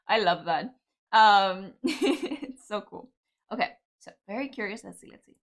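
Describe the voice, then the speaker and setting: A young Cypriot woman hosts a video reacting to songs, her mid-range voice animated and a little slow. She gushes with enthusiasm, filling the casual music commentary with fillers and loving remarks.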